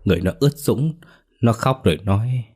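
A man's voice: fairly low pitch, expressive, fairly quick, darkish tone, slightly rough. A man voicing a timid, worried old village mother who speaks hesitantly. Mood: anxious.

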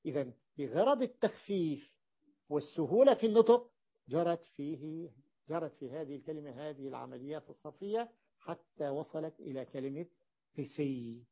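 A man teaching a grammar lesson in a classroom, repeating words slowly and checking that his students follow. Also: a little high, lively intonation. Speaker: teacher of Arabic morphology. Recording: dull lo-fi recording.

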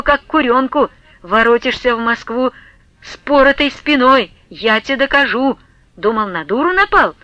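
A shrill, jealous village woman raging and hurling threats at the top of her voice, as a woman reader puts her on. Her high voice drags out each accusation slowly. The audiobook recording is dry and a little dull. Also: dry recording. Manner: loud, slow, shouting threats.

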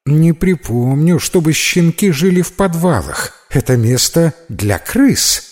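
A man voicing a shy, kind little ghost boy who stammers in a thin, high voice. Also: sing-song, measured pace, a little mellow. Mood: earnest. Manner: timid, polite, easily upset. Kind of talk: audiobook character voice.

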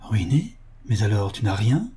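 A man reading the part of an older society lady, brisk and matter-of-fact, in a storybook reading. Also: lowish voice, sing-song, mellow, husky, full character voice. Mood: startled.

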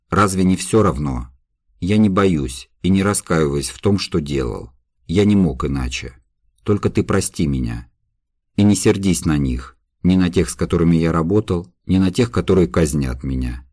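A young condemned man in an audiobook, gentle and loving, torn between disbelief and tenderness, as voiced by a male reader. The voice sits extremely low and deep. It is dry and close, with no room around it. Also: expressive, moderate pace, no room sound. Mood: tender. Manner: anguished, tender inner voice.

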